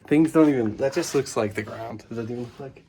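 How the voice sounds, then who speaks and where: A man's voice: medium pitch, a little fast, vocal fry, very noisy. Wry man vlogging on a hiking trail. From South Carolina. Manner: wry, self-mocking jokes. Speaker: travel vlogger. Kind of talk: casual hiking vlog chat. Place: outdoors on a rocky hiking trail.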